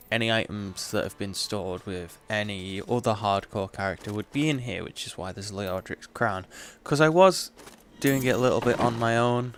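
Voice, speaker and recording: A man's voice: on the low side, a little hiss or hum. A man giving casual commentary as he plays a video game. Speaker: let's play commentator.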